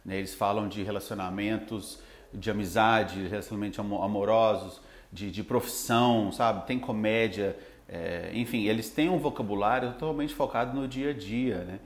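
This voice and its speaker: A Brazilian man who teaches English, talking in a relaxed, rambling way with lots of fillers. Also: on the low side, moderate pace, echoey room. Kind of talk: casual podcast chat.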